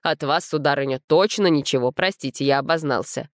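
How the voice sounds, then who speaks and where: A woman's voice: low-pitched, a little fast, no echo, clean studio sound, natural voice. Woman reading a wry young hero.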